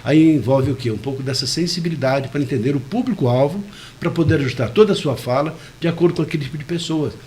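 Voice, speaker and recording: A man, a communication expert, explaining in a web radio interview, shifting his volume and pitch to illustrate his points and enunciating each syllable with care. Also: darkish tone, slight background noise. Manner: deliberate, careful enunciation.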